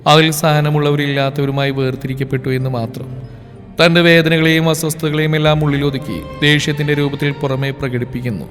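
A man reading a novel aloud in a steady, emotional storytelling voice. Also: a little high, fairly quick. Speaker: story narrator. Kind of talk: scripted novel narration. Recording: reverb with background music.

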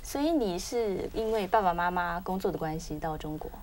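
Woman in her thirties, very expressive pitch, chatty host, playful, faint noise behind her. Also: fairly quick, rough recording. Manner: animated, playful. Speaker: TV talk show host. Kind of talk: casual chatty interview. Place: TV studio at a desk.

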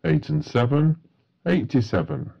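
Slow, gravelly male bingo caller. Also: a little high, animated, lo-fi sound. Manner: formulaic, matter-of-fact bingo caller delivery. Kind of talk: bingo calling, each number announced in a set phrase.

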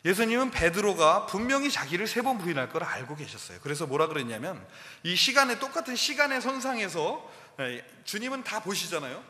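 Male pastor, middle-aged, lively sermon voice, bright tone, long hall reverb. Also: sits high, brisk, few pauses. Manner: animated, acts out quoted lines with laughter.

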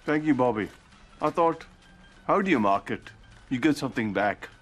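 An actor playing a proud, stingy older shopkeeper in a TV sitcom. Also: male voice, mid-range voice, animated, normal speed, faint music behind, natural voice. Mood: self-satisfied. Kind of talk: sitcom acting.

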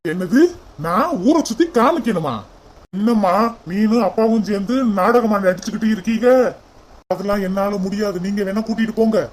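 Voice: mid-range voice, moderate pace, close to an everyday voice, rough recording. A performer voicing a troubled, stubborn young son in a cartoon, brooding and irritable.

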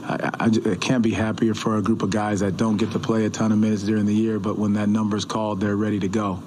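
A man in his forties, a head coach, answering questions at a postgame press conference in an arena press room, measured and often restarting his words. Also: lowish voice, little pitch movement, a little mellow, low-quality recording. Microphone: table mic on a stand.

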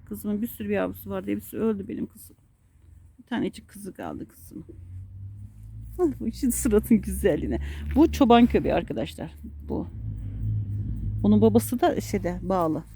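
A woman's voice: mid-range voice, normal speed, vocal fry, pauses often, dark tone, slight background noise. A woman vlogging in her garden, complaining wearily and cooing baby talk to her dogs. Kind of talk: casual vlog talk to camera and dogs. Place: outdoor garden.

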